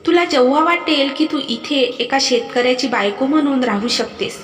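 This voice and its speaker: A woman's voice: high voice, animated, normal speed. A woman voicing a young male farmer, a patient husband who turns firm and scolding. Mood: stern. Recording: echoey hall with music behind.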